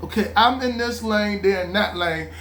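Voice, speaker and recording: A man, talking in a casual monologue, animated, acting out his friends' voices. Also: sits high, moderate pace, a little hiss or hum. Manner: animated, acts out friends' voices, laughs often. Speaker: vlogger.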